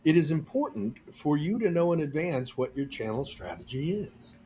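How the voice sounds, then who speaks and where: Animated male podcast host. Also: a little high, moderate pace, slight background noise. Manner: animated, joking, explanatory. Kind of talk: casual podcast chat.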